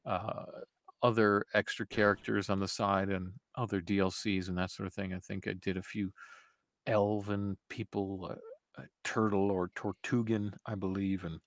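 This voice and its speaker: A man talking casually on a podcast about his voice acting work, animated and playful as he tells stories. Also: fairly low pitch, normal speed, dry recording. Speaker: guest voice actor.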